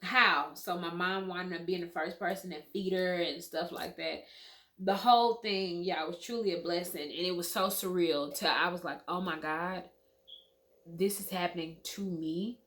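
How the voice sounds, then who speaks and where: A woman's voice: lowish voice, normal speed. A young woman telling a personal story in a casual, chatty vlog, talking straight to her viewers. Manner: chatty, animated, addresses viewers as y'all and girl. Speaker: vlogger.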